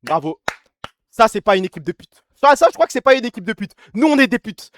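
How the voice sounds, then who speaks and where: A young man chatting on a live stream, fast and slangy with crude jokes and frequent laughs. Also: sits high, big pitch swings, fairly bright tone, slight background noise. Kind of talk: casual live-stream chat.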